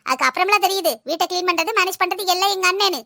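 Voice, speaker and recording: Woman voicing a bossy sister-in-law, cartoon; very high, bright, quick, preachy scolding. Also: dry recording, clean studio sound, heavily acted. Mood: huffy. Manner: lecturing, sharp-tongued, preachy. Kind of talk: cartoon voice acting.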